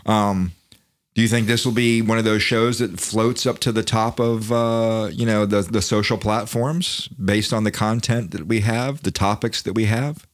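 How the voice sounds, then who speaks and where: A man of middle pitch talks fast and lively in a casual podcast chat, swearing freely and tripping over his own restarts as ideas come. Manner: animated, profane, repeats words when starting thoughts. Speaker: podcast co-host.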